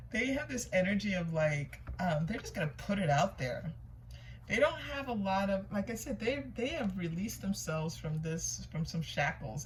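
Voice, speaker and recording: On poor audio, a woman with a lowish voice hosts an informal tarot reading, working through her intuitions aloud, repeating herself, and questioning the cards. Room ambience and background noise come through clearly.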